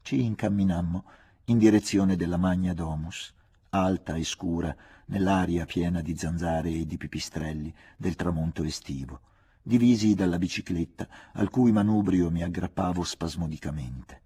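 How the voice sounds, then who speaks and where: A man reading a literary novel aloud in a measured, hushed, intimate way. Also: deep voice, slightly rough. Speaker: audiobook reader. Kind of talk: literary audiobook narration.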